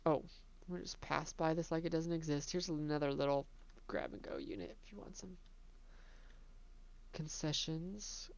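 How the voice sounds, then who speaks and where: A woman casually narrating a tour of her own theme park, chatty and relaxed, laughing between remarks. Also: low voice, moderate pace, gravelly, long pauses, dull audio.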